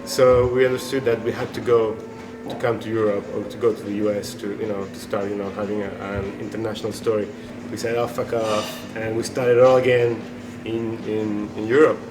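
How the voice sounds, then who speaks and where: A man's voice: lowish voice, little pitch movement, a little fast, over music. A man from Chile, a band member being interviewed, talking casually and rambling with many restarts and fillers. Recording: echoey room with noisy ambience.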